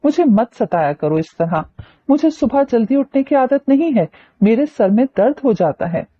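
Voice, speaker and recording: A woman's voice: a little high, sing-song, normal speed, muffled recording. Woman voicing a touchy young woman. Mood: irritated. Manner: irritated, sharp-tongued.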